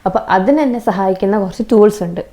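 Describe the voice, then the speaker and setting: Speaking quickly in a mellow, mid-range voice, a young YouTuber goes over affordable video gear item by item in a friendly, chatty review. Her sentences are often tagged with "kettō", and the audio comes from a phone camera with a plug-in mic at times.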